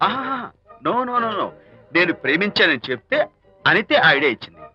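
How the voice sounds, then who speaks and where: Playful film hero, lively pitch, breezy delivery, muffled soundtrack with music. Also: male voice, normal speed, heavily acted. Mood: pleading. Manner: breezy, playful, mixes English phrases. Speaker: film lead. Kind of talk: 1980s-90s Telugu film dialogue.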